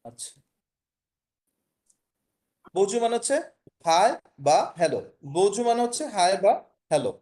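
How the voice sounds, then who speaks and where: A man with a Bangladeshi Bengali accent teaches an online language class over a video call, explaining patiently, repeating points and often checking that students follow. His voice is high, expressive and mellow, unhurried with long pauses.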